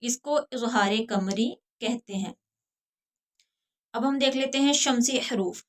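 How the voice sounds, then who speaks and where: A woman teaches a recorded Quran lesson. Her voice sits fairly high and she takes her time, drawing out each example word with care. She sounds like a patient teacher. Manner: slow, deliberate explanation, drawing out example words.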